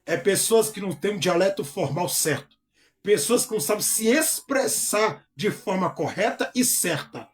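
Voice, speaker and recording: A man's voice: high-pitched, expressive, normal speed. A male pastor teaching a Bible lesson who reads verses aloud, calls out each punctuation mark, and repeats phrases to explain them. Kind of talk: bible study sermon.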